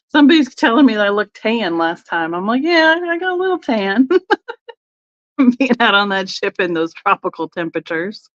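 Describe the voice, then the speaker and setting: A woman's voice: medium pitch, highs cut off. A woman hosting a casual live-stream sale, rambling through her trip and greeting viewers by name.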